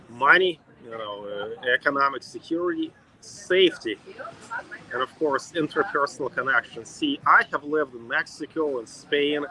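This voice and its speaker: A man's voice: medium pitch, sharp tone, rough recording. A middle-aged man from Russia hosting a casual chat outdoors, talking emphatically in repeated lists. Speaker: host.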